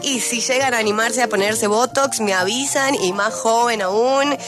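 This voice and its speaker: A woman co-hosting a radio show, her voice on the high side. She chats, teases and reassures her colleagues while music plays behind. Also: normal speed. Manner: chatty, reassuring, teasing. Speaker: radio co-host. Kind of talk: joking studio banter. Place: radio studio.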